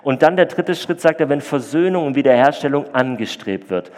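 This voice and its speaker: Earnest preacher in a reverberant church. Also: male voice, mid-range voice, animated, brisk. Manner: earnest, conversational, swings loud and soft. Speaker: pastor. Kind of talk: sermon with storytelling.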